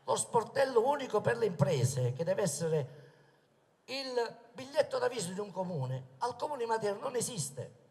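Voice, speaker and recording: A man giving an impassioned political rally speech, booming and declamatory, with rhetorical questions and emphatic repetition. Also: big pitch swings, normal speed, darkish tone. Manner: booming, declamatory public oratory. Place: open town square. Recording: long reverberation of amplified outdoor speech.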